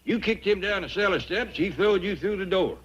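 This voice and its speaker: An actor playing an easygoing hillbilly father who talks in a calm, folksy drawl. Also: sits high, a little fast, muffled recording, heavy background noise, close to an everyday voice.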